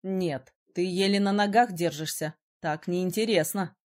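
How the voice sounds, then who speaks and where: Brooding male mage, sarcastic but protective, mid-pitched, woman reading. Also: steady tone, moderate pace, darkish tone, natural voice. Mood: teasing. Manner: teasing, then gruff and commanding. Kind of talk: audiobook character reading.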